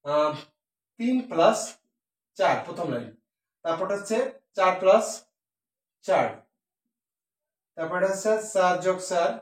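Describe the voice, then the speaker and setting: A male teacher with a Bangladeshi Bengali accent explains poetic meter slowly, using fillers and counting out syllables one by one. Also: sits high. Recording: very echoey room, distant mic.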